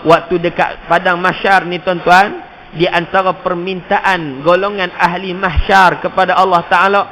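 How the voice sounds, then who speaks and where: A male preacher, giving a mosque sermon to the congregation and swinging between loud exhortation and low, hushed pleading. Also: steady tone, normal speed, a little hiss or hum, rough recording. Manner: repeatedly addresses the congregation directly.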